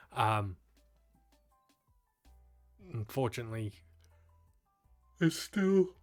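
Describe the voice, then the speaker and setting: A young man, a gaming channel host, casually talking through a gameplay guide in a relaxed, explanatory way, sounding tired and yawning. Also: lowish voice. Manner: relaxed, explanatory, frequent ums.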